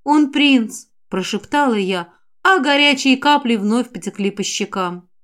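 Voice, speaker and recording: Woman narrating fiction, slightly high voice. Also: normal speed. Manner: expressive, lifting her voice for the heroine's lines. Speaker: audiobook narrator. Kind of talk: first-person fiction reading.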